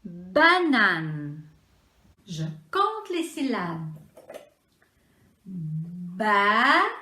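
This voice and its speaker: A woman with a Quebec French accent teaching preschoolers, sounding out syllables slowly and clearly in a sing-song way. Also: fairly high pitch, very animated, a bit bright. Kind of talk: slow, deliberate teaching for young children. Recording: echoey room.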